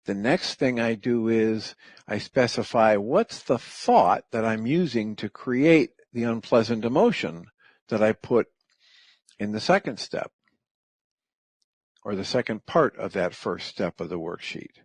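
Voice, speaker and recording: A middle-aged man hosting a radio show, calmly and gently walking through the steps of a practice. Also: lowish voice, measured pace, no room sound. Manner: calm, gentle, step-by-step explaining. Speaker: radio host. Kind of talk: reflective talk radio teaching.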